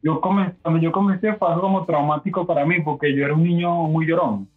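A man's voice: a little high, fairly even intonation, fast talker, husky, soft background music. A Venezuelan man, a podcast guest, telling his story in a rambling, casual way with many fillers and restarts. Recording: tinny phone-like line.

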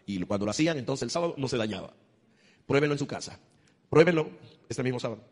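Husky preacher man in an echoing hall. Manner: animated preaching, rising to loud high exclamations; acts out voices of God and churchgoers. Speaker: pastor. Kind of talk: sermon. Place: church. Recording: long hall reverb.

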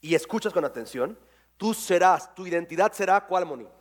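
A man preaching a sermon to his congregation, lively and jokey, quizzing people on verses. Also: high voice, normal speed. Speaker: pastor. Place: church hall with congregation.

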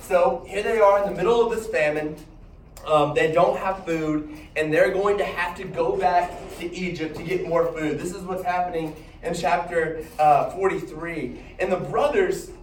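A man leads a casual Bible teaching and retells the story in a chatty, loose way, often restarting his sentences and leaning on fillers. His voice sits fairly high for a man. He sounds a little distant from the mic, in a roomy, echoing space with faint ambience behind him. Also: slight background noise.

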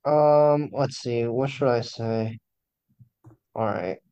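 A man's voice: mid-range voice, gravelly, mellow, clear, resonant tone, dry recording, dull audio. A young man co-hosting a podcast, talking in a casual, joking way and stopping often to hesitate. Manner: hesitant, halting, lots of fillers. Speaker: podcast co-host.

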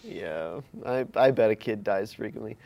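Gravelly and fairly low, this man's voice moves at normal speed as he lively retells a film's story for his co-hosts in their shared room, breaking into laughter and performing quotes.

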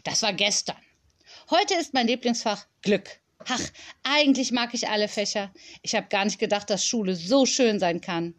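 A woman reading an audiobook, voicing a cheerful, whimsical woman teacher who speaks in a bright, sing-song, gently enthusiastic way. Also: mid-range voice, normal speed, lightly acted. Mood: joyful, playful.

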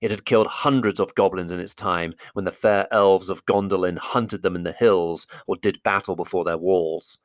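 A man narrating a classic fantasy novel as an audiobook, with a steady, measured storytelling delivery. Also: low-pitched, dry recording. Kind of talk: audiobook reading.

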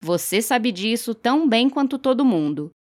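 A woman reading aloud and voicing a calm male village official who explains things gently. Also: a little high, normal speed, pitched above the performer's own voice. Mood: measured. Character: calm middle-aged male official running a village draw.

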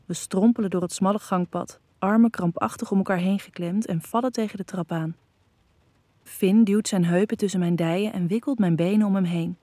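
A woman narrating a first-person erotic audio story, calm and intimate. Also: medium pitch, moderate pace, no echo.

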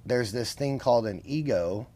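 In a casual interview, a podcast guest earnestly explains his views, peppering them with "right?" and rhetorical questions. His mid-range voice has a dark tone and moves at a moderate pace.

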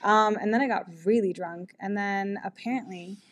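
A woman's voice: medium pitch, steady tone, moderate pace. A young woman chatting casually to camera, full of "like" and "um," candid and giggly as she tells a personal story. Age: young adult. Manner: chatty, filler-heavy with constant "like" and "um"; candid and giggly, laughs mid-sentence. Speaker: vlogger.

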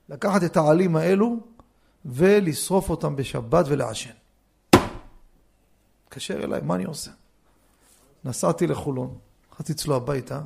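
A man, a rabbi, giving a religious lesson, telling stories with joking asides and swinging from hushed remarks to loud emphasis. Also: fairly high pitch, gravelly, husky. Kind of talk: Torah lesson with anecdotes.

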